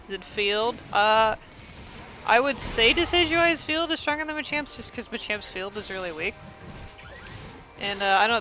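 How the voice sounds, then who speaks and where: A man's voice: high-pitched, pushed and bright, low-quality recording. A man giving casual, rambling play-by-play commentary on a fighting game tournament, thinking aloud and poking fun at himself.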